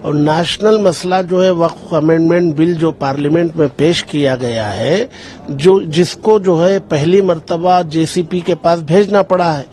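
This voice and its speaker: A man speaking as a religious leader in an interview, measured and explanatory. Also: a little high, warm tone. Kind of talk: interview statement.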